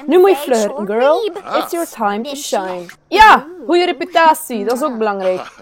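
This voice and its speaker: A young Flemish woman giving casual gameplay commentary, swinging from low muttering to excited squeals. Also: normal speed. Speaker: gaming YouTuber.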